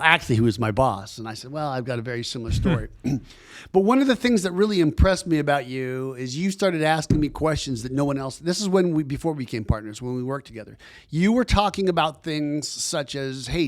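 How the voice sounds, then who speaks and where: A man's voice: a little high, lively intonation, fast talker. A man hosting a podcast, chatting casually and enthusiastically with lots of restarts as he introduces his guest. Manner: rambling and enthusiastic, many restarts. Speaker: podcast host.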